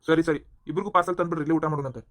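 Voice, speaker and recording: A man's voice: a little high, steady tone, racing, lightly acted. A man playing a bossy cartoon police inspector. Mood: casual. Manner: scolding, bossy. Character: gruff hungry male police inspector. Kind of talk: cartoon voice acting.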